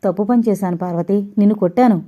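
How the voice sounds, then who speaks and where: A woman's voice: medium pitch, fast, narrow, tinny audio, lightly acted. A woman doing a proud, stubborn young man. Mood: remorseful. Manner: curt, stubborn replies. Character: proud, hot-tempered young man, ex-convict.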